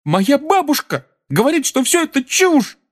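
A man voicing a timid, earnest teenage boy in a shrill falsetto. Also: wildly swooping pitch, normal speed, full character voice.

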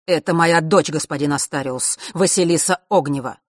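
Woman as irritated middle-aged father, curt, low voice, dry sound, audiobook. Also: fairly quick, no echo.

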